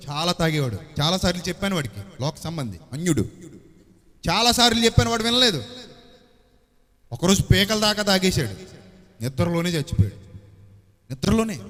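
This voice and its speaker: Male preacher, high voice, emphatic rhetorical sermon, booming hall reverb. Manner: emphatic, asks the listeners rhetorical questions and repeats key phrases.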